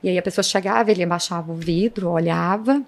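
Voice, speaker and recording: Her voice lowish and her delivery fast, a female police chief gives an interview, retelling her story in vivid, dramatic fashion. Now and then she speaks directly to the audience.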